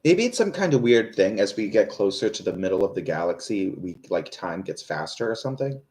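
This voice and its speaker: Fairly quick and a bit mellow, his lowish voice moving through big pitch swings, a thirties-aged man reads tarot live. He chats to viewers, reads their questions aloud, and rambles with plenty of swearing, fillers and restarts.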